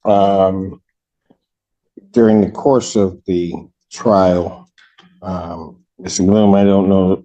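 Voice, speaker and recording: A man's voice: low-pitched, warm tone, lo-fi sound. A man presiding as judge, sternly admonishing a defendant during court proceedings, heard on a courtroom recording.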